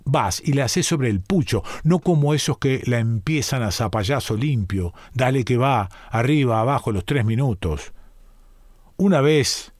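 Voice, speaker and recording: A man's voice: medium pitch, a little mellow, no echo, studio quality. A man with a Rioplatense Spanish accent, performing a first-person story reading in a musing, colloquial way, his phrases often falling away. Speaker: reader performing a monologue.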